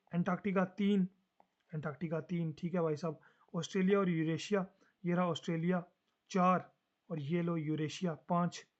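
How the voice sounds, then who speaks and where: A man teaching a social studies lesson fast and casually, mixing Hindi with English terms. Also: fairly high pitch, muffled recording.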